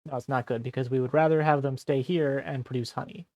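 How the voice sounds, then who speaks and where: A man's voice: medium pitch, fairly even intonation, fast, a little mellow, dry recording, clean studio sound. A man streaming a game, chatting casually and explaining things patiently in simple steps. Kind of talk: casual gameplay chat.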